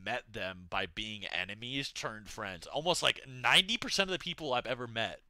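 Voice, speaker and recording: A man's voice: mid-range voice, animated, normal speed, pushed and bright, no room sound. A man livestreaming in a casual, laid-back way, rambling through slangy, profane chat and replies to donations. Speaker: livestreamer reading donation messages.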